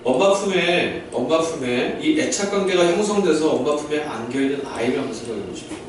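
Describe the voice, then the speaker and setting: An expressive, somewhat high-voiced pastor preaches a little fast, explaining ideas and asking questions of his congregation of varied ages. The church sanctuary is very echoey, the mic is far away, and the background is noisy.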